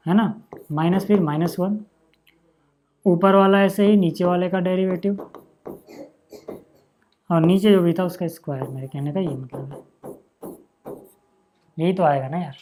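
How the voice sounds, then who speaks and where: A man's voice: high voice, fairly even intonation, a little slow, pauses often, a little mellow, a little hiss or hum. Chatty man teaching a math lesson. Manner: chatty, keeps checking in with "है ना" and "यार"; talks to students as "भैया" and "भाई". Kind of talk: casual step-by-step math lesson.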